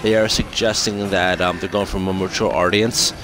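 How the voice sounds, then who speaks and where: A man giving casual gameplay commentary and channel updates as a streamer, in a loose, halting, informal way. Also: low voice, fairly even intonation. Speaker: game streamer and video creator. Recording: clearly noisy game audio behind voice. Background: video game ambience and noise.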